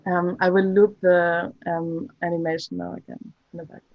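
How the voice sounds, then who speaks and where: A woman gives her project presentation over a video conference call that drops out now and then. Her voice sits fairly low and stays even and flat, with many ums along the way. The call sound is dull and dry, with no room around it. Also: moderate pace, vocal fry, dry recording. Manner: hesitant, with frequent ums. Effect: video conference call audio that cuts out. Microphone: computer mic on a video call.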